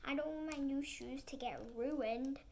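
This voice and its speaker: A woman's voice: sits high, fairly even intonation, darkish tone, slight background noise. A woman voicing an anxious young girl. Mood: worried. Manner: anxious, quick to shriek and panic. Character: worried young girl, a friend in a treehouse.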